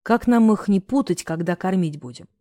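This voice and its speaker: Woman playing a young man in love, gruff, teasing, mellow, dry audiobook recording. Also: medium pitch, expressive, normal speed, no room sound, lightly acted. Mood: tender. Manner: gruff, mock-grumbling.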